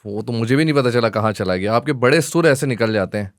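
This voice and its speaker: A man's voice: medium pitch, lively intonation, fast talker, dry recording. A young man hosting a comedy interview, needling his guest with dry, teasing questions. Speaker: host.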